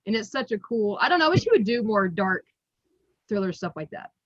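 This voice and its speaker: A woman's voice: mid-range voice, very animated, fairly quick, dry recording. A woman in her thirties chatting casually as an interview guest, laughing often between her thoughts, heard over a video call. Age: 30s. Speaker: guest collector. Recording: muffled, dry.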